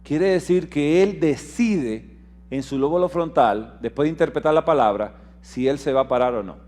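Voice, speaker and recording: A man preaching a sermon, reading scripture aloud and putting questions to his congregation, swinging between loud declaiming and soft low asides. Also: normal speed.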